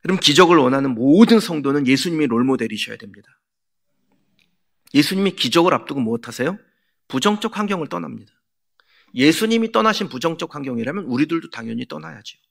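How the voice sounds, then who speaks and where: A man's voice: medium pitch, creaky, a bit bright. A male pastor preaching a sermon in a church, asking the congregation questions and acting out quotes. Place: church sanctuary.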